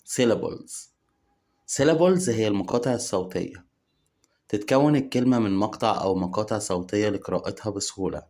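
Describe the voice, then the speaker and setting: A man with an Egyptian Arabic accent teaching English vocabulary, saying each word slowly and repeating it before giving its meaning. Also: fairly low pitch, warm tone. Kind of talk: slow, drawn-out lesson with word drills.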